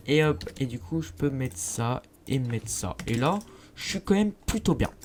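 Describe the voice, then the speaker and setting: In a relaxed let's play, a young YouTuber narrates his survival game for viewers, rambling and self-deprecating. His voice sits at medium pitch and is a little mellow, and there's slight background noise.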